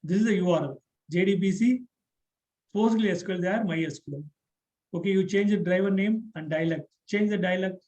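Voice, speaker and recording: A man teaching a live online programming class, halting and spelling out terms letter by letter. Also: high voice, a little mellow, highs cut off. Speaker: programming instructor.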